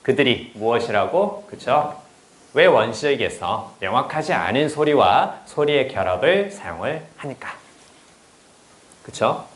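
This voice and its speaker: A man's voice: medium pitch, lively intonation, unhurried. A man teaching English in a casual lecture, chatty and blunt, often swearing and checking with students. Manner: chatty, blunt and profane, asks students "right?". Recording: roomy echo.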